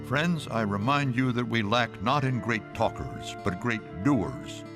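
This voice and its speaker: Cartoon elder statesman: pompous senatorial orator, resolute, mid-pitched, music underneath. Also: animated, a little slow. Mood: solemn, oratorical. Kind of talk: animated history cartoon acting. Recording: music behind the voice.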